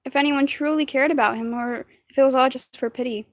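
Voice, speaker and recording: A woman's voice: sits high, steady tone, quick pace, no echo. A woman casually reading fan fiction aloud on a livestream, often giggling, tripping over words and chatting with her viewers. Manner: giggly, stumbles over words and chats with viewers between lines.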